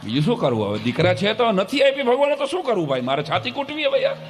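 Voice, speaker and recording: A man telling humorous stories on stage to a wedding crowd, lively and quick to switch into character voices, recorded through a stage microphone. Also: sits high. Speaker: folk comedian performing at a family wedding event. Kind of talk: humorous stage storytelling to a live audience. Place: large event hall with an audience. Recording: reverberant hall, faint music behind.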